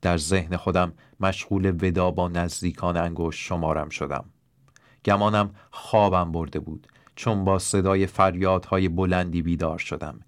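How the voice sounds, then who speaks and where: A man reading a first-person story aloud in a measured, steady narration. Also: deep voice, no room sound, studio quality. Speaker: audiobook narrator.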